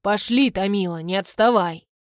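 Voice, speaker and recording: A man's voice: sits high, moderate pace, no room sound, clean studio sound, lightly acted. A woman reading the lines of a cold, stern, impatient man in furs, curt and commanding. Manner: curt, commanding, louder than the narration.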